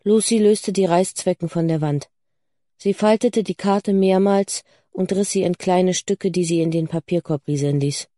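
A woman narrating a children's book in a calm, even way. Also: lowish voice, normal speed, no echo, clean studio sound. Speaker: audiobook narrator. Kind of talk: scripted narration.

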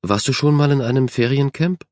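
A man voicing a shy, insecure young girl who speaks softly and hesitantly. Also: medium pitch, a little fast, dry recording, studio quality, pitched above the performer's own voice, close to an everyday voice. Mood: timid. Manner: timid, soft-spoken.

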